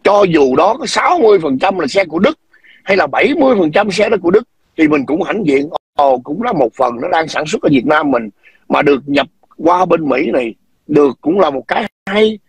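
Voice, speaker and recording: A man hosting a livestream, ranting and scolding his viewers in a combative tone, often clearing his throat and demanding whether they understand. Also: fairly high pitch, lively intonation, brisk, dry recording. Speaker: livestream host.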